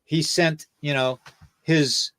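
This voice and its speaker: A man's voice: on the high side, steady tone, slow, a bit bright, no room sound. A man hosting a podcast, talking casually in a lecturing way and checking in with "okay?" and "you know" between points. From United States. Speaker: podcast host.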